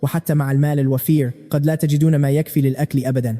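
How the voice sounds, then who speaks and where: A man's voice: a little high, level tone, racing, mellow, in a large hall, close to an everyday voice. A man reading the lines of a confident, firm young hero in a storybook recap.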